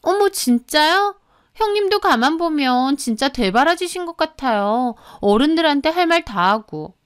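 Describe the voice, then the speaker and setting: A woman voicing a fawning, two-faced young sister-in-law in a radio drama, speaking softly in a wheedling, sugary way. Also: high-pitched, expressive, moderate pace, pitched above the performer's own voice. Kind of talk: Korean story radio drama.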